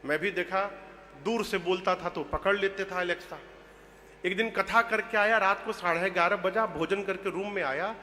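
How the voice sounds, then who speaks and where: A man, telling devotional stories with jokes, animated and bursting into loud chants. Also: sits high, normal speed, slight background noise. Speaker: religious storyteller. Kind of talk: humorous devotional storytelling.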